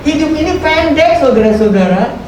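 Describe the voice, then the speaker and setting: Preaching at a live church service, the woman in her seventies uses rhetorical questions and repetition, her high voice expressive, fairly quick, and somewhat dark. The large room makes the distant, noisy recording very echoey.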